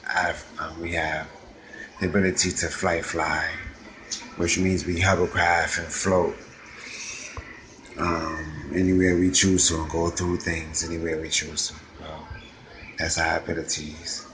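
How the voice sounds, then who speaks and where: An American man hosts his own show, his low voice keeping a level tone against a noisy background. His monologue rambles, halting with frequent ums and restarts.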